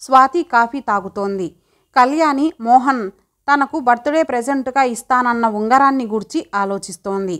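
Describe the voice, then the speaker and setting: Woman narrating an audio story. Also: a little high. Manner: steady, measured storytelling.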